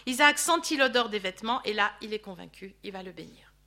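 Bright-voiced woman teaching Bible study. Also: medium pitch, a little fast. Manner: lively storytelling with chatty asides.

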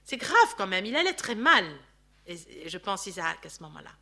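A woman leading a Bible study, telling the story in a lively way with chatty asides to her listeners. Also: mid-range voice, a little fast. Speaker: Bible teacher.

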